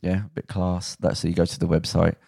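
Gravelly low-voiced man. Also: flat delivery, brisk, dark tone, no echo, studio quality. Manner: loose, laughing, trails off and restarts. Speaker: podcast host. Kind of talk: casual chat.

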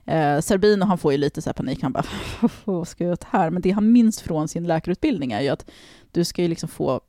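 A woman casually telling a story on a podcast, animated, swearing and acting out the people she quotes. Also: deep voice, no room sound, clean studio sound.

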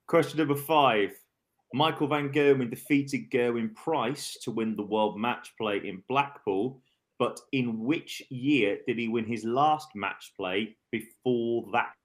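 A man hosts a relaxed online panel chat, reading out quiz questions at a measured pace. He ribs the other panelists between questions. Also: medium pitch. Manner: reads quiz questions slowly, teases panel. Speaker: quiz host of a darts podcast.

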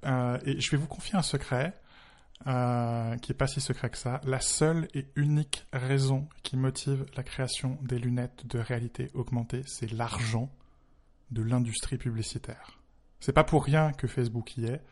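Guy giving his opinions on a podcast, medium pitch, wry and emphatic, chatty. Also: fairly even intonation, moderate pace, a little mellow. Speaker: tech journalist, podcast co-host. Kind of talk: conversational opinion commentary.

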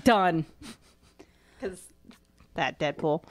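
A woman's voice: low voice, animated, dry recording. A woman co-hosting a casual chat, arguing her picks with strong opinions. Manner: opinionated, quick to argue. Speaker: co-host. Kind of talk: casual chat about fictional matchups.

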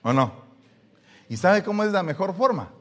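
A male pastor preaching a sermon, swinging from hushed asides to loud, humorous appeals to the congregation. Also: high voice, very animated, normal speed.

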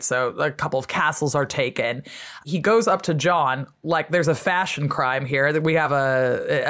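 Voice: mid-range voice, a bit bright. A guest historian telling history in a casual, chatty way, full of fillers and acted-out quotes.

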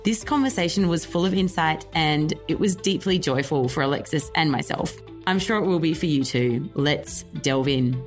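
Deep-voiced woman hosting a podcast. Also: moderate pace, faint music behind. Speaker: podcast host. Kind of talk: scripted introduction and interview.

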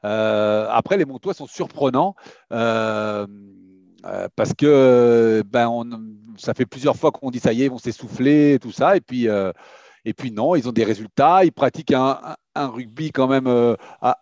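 A man with a Parisian French accent giving his views as a guest pundit in a casual sports discussion, with a halting delivery. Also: medium pitch, a little mellow, dry recording, muffled recording.

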